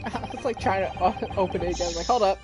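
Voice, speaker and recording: A woman's voice: medium pitch, fast. A woman game streamer in a casual let's play, reading game dialogue aloud dramatically and breaking off into casual asides. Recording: loud game music behind voice. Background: game music.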